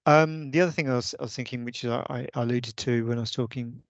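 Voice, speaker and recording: A man's fast, mid-range voice with fairly even intonation comes through a video call, dry and muffled. Serving as vice chair at a casual users' group meeting online, he hesitantly proposes ideas with many false starts.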